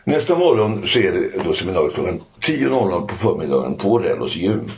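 An older man telling a long anecdote in a casual conversation, with lots of "eh" and "va?" as he goes. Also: sits low. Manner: animated anecdotes with frequent "eh" and "va?" tags. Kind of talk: casual storytelling.

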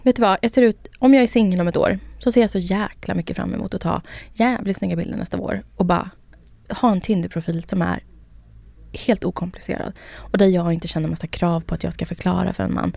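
A woman's voice: fairly low pitch, steady tone, creaky, darkish tone, no echo. A woman co-hosting a podcast in casual chat, telling stories in a rambling way, acting out what people said and swearing freely. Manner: rambling storyteller who acts out quotes and swears freely. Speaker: podcast co-host.

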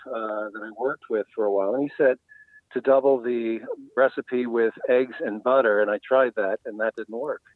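A male caller speaks over the phone in a plain, slightly hesitant way. His voice sits at a middle pitch and comes through a thin, narrow phone line. It sounds close and dry. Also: no echo. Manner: plain and descriptive, a bit hesitant. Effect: heard over the phone. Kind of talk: call-in question to a cooking show.

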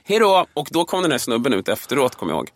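Gravelly, animated man telling a story. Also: medium pitch. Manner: animated, swears a lot, acts out voices. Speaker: stand-up comedian. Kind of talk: casual podcast storytelling.

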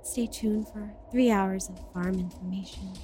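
A woman's voice: mid-range voice, steady tone, unhurried, warm tone, a little hiss or hum, close to an everyday voice. A woman voicing a melodramatic young heroine who narrates with overwrought, brooding flair. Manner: dramatic, overwrought, brooding monologue. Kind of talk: audio drama acting.

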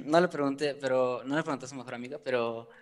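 A talk show guest speaks hesitantly about his feelings in a conversational, personal way, with many fillers and nervous laughs. His mid-range voice moves at a quick pace, and the recording has long reverb.

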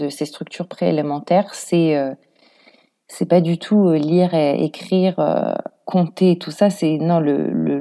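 A French woman in her thirties, an expatriate mother who works at a preschool, speaks with a French accent in a casual interview. She talks informally and reflectively, thinking aloud, in a warm, low-pitched voice.

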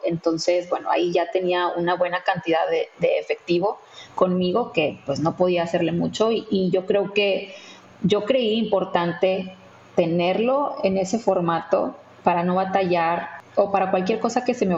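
A woman's voice: lowish voice, a little mellow, echoey room, highs cut off. A woman, a guest in an interview, telling a story in a chatty way with many fillers and tag questions. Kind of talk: conversational storytelling.

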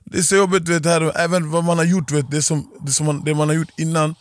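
A man's voice: on the high side, no echo. A man chats casually in a slightly raised voice. He tells his stories with animation and plays out every voice in them. The recording is dry and close, with no room sound. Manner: animated storytelling, acts out both sides of a police stop. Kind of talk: casual conversation.

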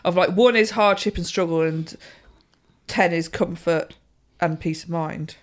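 A woman's voice: on the low side, measured pace. A woman chatting casually as a podcast co-host in a blunt, wry manner. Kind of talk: casual chat.

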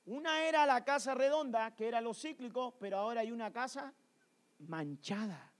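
A man's voice: very high-pitched, moderate pace. A man preaching a sermon to a congregation in a church, telling stories and firing rhetorical questions at the listeners.

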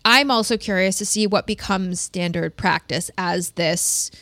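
Female podcast host, mid-pitched, vocal fry, casual chatty advice delivery, dry recording. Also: a little slow, pushed and bright, no room sound. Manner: casual, peppered with "like".

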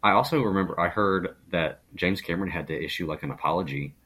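A man's voice: low-pitched, fast talker, a bit bright, husky. A young adult man, a podcast guest, telling a story casually with rambling fillers. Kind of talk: casual conversation.

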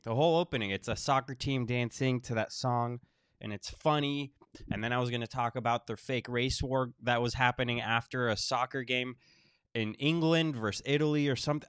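A man's voice: medium pitch, a bit bright, smooth, dry recording, studio quality. Wheezy, breathless man rambling on a podcast. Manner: halting, repeats phrases, frequent pauses. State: short of breath, recovering from illness. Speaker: podcast host. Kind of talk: casual rambling podcast monologue.

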